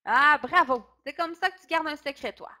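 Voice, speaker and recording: A woman's voice: on the high side, expressive, moderate pace, lightly acted. Woman doing a grumbling storybook dad. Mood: angry. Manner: grumbling, exasperated. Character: worried, short-tempered working father.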